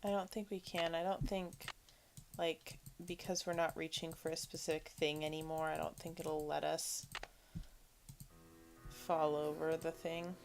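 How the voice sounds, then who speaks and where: A woman co-hosting a game stream, thinking aloud as she plays in a casual, wry, deadpan way. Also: deep voice, measured pace, faint music behind. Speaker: game streamer co-host playing the game. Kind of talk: casual live game commentary.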